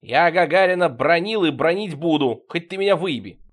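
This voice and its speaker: A man's voice: on the high side, animated, moderate pace, voice pushed up. A man voicing a timid, grumbling young man in a comic story.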